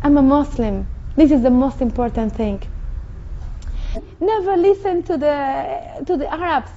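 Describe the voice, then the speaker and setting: A woman with a Mexican Spanish accent, earnestly telling her personal testimony in halting speech with many restarts. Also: high voice, highs cut off, slight background noise. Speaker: convert sharing her testimony.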